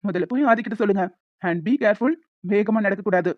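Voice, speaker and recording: A woman voicing a calm female doctor in a cartoon story, giving steady advice. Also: medium pitch, fairly quick, no echo, lightly acted. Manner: calm, advising. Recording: dull lo-fi audio with faint music.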